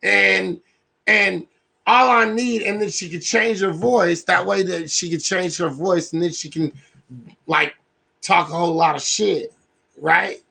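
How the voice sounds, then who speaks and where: A man on his livestream talks slowly in a high, gravelly voice, rambling through a profane plan. He keeps checking in with his listeners, and a husky rasp runs under his words. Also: pushed and bright. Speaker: livestream host. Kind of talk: casual livestream rant.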